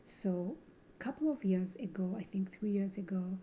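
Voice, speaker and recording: A woman's voice: mid-range voice, normal speed, mellow, a little hiss or hum. A young woman from Rwanda, giving earnest relationship advice in a solo talk, often rephrasing and repeating herself. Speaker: relationship coach.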